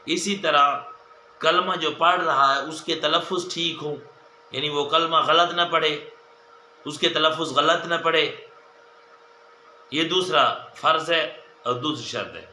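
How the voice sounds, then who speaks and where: A man teaching a religious lesson in a very bright, forceful voice that sits a little high for a man. He counts off numbered points and goes over each one again. The room is echoey, with a faint hum of ambience behind him. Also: long pauses. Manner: repetitive, enumerating points, addressing viewers as dear friends. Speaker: mufti giving a hadith lesson.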